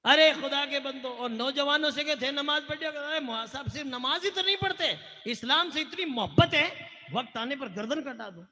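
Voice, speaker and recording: A man's voice: very high-pitched, animated, a little fast, sharp tone, in a large hall. A man preaching a fervent sermon in a Marwari accent, urging the crowd to respond and breaking into sung verses.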